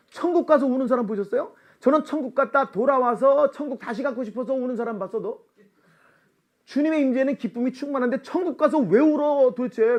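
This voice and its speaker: A middle-aged man preaching at a church seminar, animated and laughing often, calling out for amens. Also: very high-pitched. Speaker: missionary seminar speaker. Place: church sanctuary.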